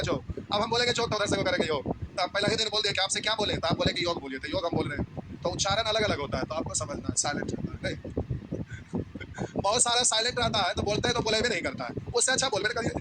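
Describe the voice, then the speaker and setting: A man teaching a math class, dictating notes slowly and repeating each phrase for students to copy. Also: high voice, very noisy. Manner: casual, checks if students follow.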